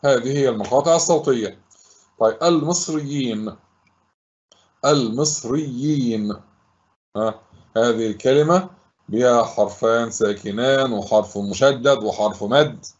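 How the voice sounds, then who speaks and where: Male teacher, patient and slow. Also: medium pitch, a little mellow, lo-fi sound. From Egypt. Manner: slow, syllable-by-syllable explanation, asks pupils questions. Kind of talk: classroom lesson.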